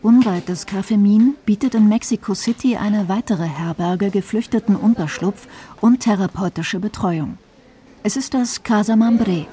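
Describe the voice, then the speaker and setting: Calm woman narrating a radio documentary. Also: medium pitch.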